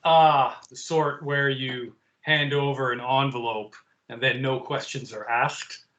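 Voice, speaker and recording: A man speaks as his character in a tabletop game, with a formal and dry turn of phrase. His voice is bright and forceful, and the room around him is echoey. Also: medium pitch, fairly even intonation, takes it slowly. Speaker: player.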